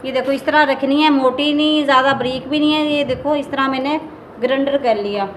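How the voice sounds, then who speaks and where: Woman w/ doing a kitchen recipe vid, high voice, chatty, keeps going "look at this". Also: steady tone, a little fast, a little hiss or hum. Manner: chatty, keeps pointing things out step by step. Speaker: home cooking vlogger. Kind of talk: casual cooking demonstration.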